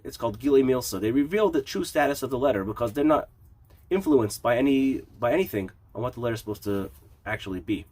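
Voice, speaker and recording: A man teaching like a rabbi in an informal, explanatory lesson, with a questioning manner of posing questions and answering them. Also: medium pitch. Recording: clear background noise.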